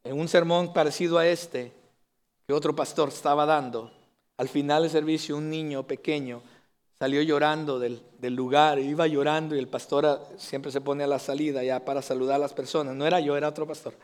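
A man's voice: on the high side, fairly even intonation, a little fast. A male pastor preaching an earnest sermon to his congregation, building to emphatic declarations.

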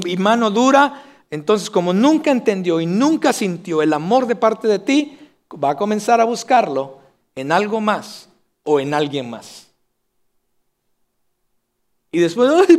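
A man's voice: high-pitched, darkish tone. A man preaching a sermon as pastor, earnestly addressing his congregation directly.

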